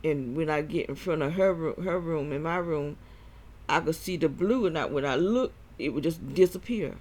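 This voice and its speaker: A man giving a rambling personal monologue as a vlogger, halting and short of breath, with repeated restarts. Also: medium pitch, a little mellow.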